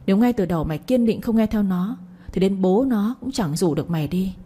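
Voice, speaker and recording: A woman's voice: mid-range voice, expressive, brisk, mellow, husky. A woman voicing an angry older village father who scolds harshly and with contempt. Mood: furious.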